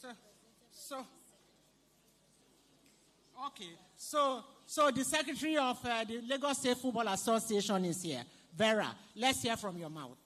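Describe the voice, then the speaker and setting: Hosting live at a fundraising book launch, a Nigerian MC speaks into a PA mic in a large event hall full of echo. He's very high-pitched and fairly bright with lively intonation, talking a little slowly and pausing often while he playfully repeats lines and calls out to guests.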